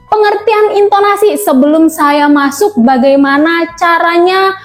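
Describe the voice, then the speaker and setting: A woman's voice: very high voice, a little slow. A young woman presenting a tutorial on speech delivery, chatty and friendly, with frequent fillers as she explains.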